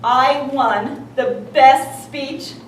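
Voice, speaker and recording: A woman's voice: high voice, steady tone, drawn-out words, very noisy. A woman giving a humorous contest speech to an audience, telling a self-mocking story. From New York. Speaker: contest speaker. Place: meeting room before an audience. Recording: echoey room from a distance, audience laughter.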